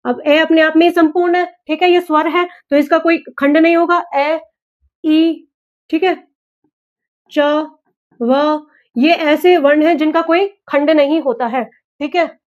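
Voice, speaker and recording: A woman's voice: high-pitched, fairly even intonation, unhurried, muffled recording. A woman teaching an exam-prep class, asking a question, answering it herself and repeating it back. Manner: repetitive, drilling, asks and answers own questions.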